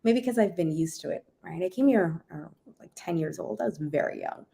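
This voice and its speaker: Low-voiced Jamaican-born woman, laid-back. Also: brisk, creaky. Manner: relaxed, laughs often, trails off with ums. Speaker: guest DJ. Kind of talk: casual interview chat.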